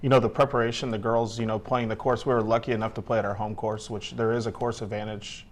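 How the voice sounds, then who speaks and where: A man speaking as an assistant coach at a press conference, in a rambling, monotone way. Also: on the low side, fast.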